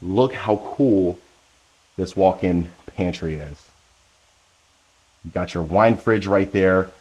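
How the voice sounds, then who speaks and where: A man with a fairly low voice leads a walking house tour indoors. He sounds enthusiastic and salesy, pointing out features and talking straight to the viewer. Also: a little mellow. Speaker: home tour host. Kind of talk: walkthrough house tour narration. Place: indoors, new model home.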